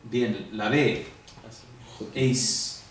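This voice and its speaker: A man's voice: mid-range voice, very slow. A man with a Spanish accent giving a review lesson to a class, explaining step by step and asking the students questions. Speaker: Greek teacher. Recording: echoey room, distant mic, faint hum.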